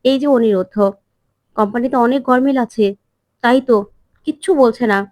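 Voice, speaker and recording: A woman's voice: a little high, a little fast, a little mellow, dry recording, natural voice. A woman voicing a scheming young wife who urgently warns her husband, in a TV serial retelling.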